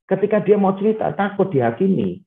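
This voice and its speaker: A man's voice: sits high, very animated, brisk, creaky. Middle-aged pastor guy chatting thru a webinar, sounds like a phone line, loose easy talk. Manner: conversational, mixes in English phrases, frequent "gitu" fillers. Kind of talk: casual teaching talk. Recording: tinny phone-like webinar audio.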